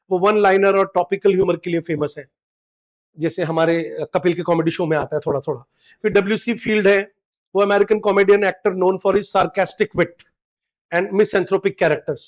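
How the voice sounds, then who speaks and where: High-voiced Indian man teaching literature. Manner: explains step by step, reads English quotes slowly. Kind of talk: exam-prep lecture, Hindi mixed with English.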